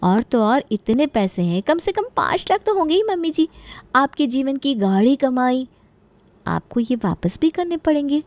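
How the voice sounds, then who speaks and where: A woman's voice: sits high, sing-song, moderate pace, darkish tone, dry recording, voice pushed up. A woman voicing a clever, cheeky young daughter-in-law with a sly, teasing manner.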